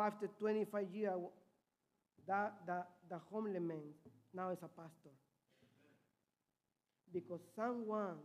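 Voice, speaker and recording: High-voiced Peruvian missionary preaching. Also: male voice. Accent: Peruvian Spanish. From Peru. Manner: impassioned, loud swings in volume. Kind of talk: sermon.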